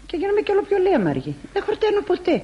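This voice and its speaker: An actress playing a sharp-tongued older woman in a radio drama, talking in a brisk, scolding way. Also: extremely high pitch, huge pitch swings, dull audio, heavily acted. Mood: chatty.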